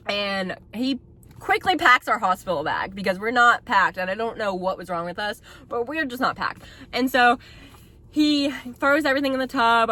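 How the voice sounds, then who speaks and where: Bright-voiced young woman telling a story. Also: mid-range voice. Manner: chatty, fills speech with "like", laughs often. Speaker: vlogger sharing her birth story. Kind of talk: casual storytelling to camera.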